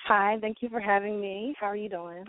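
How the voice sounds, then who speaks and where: A woman's voice: medium pitch, fairly even intonation, fairly quick, slight background noise. A woman from a music platform's marketing team, talking over the phone in a radio interview, chatty and full of ums and fillers. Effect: heard over a phone line. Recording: tinny dry phone line.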